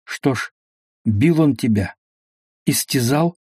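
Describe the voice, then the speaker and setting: A man's voice: medium pitch, animated, slow pace, a little mellow, breathy edge, dry recording, clean studio sound. A man voicing a stern young tsar who asks short, curt questions.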